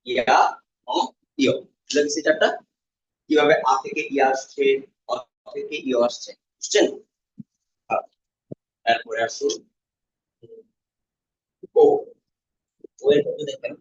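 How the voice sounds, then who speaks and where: A male language teacher leading a class, explaining vowel shapes step by step, repeating each sound and quizzing his students. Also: fairly high pitch. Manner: asks students questions, repeats sounds slowly. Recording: dull lo-fi classroom recording.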